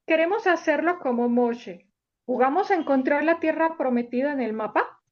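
A woman's voice: high voice, lively intonation, normal speed. A woman voicing two young children apologizing together, on a dull lo-fi recording. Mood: apologetic.

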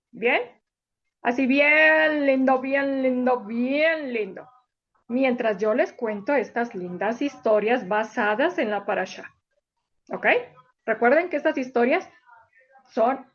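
A woman's voice: a little high, husky. A woman telling stories to young children in a sing-song way, repeating words for emphasis, on a dull lo-fi recording. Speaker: children's storyteller and teacher.

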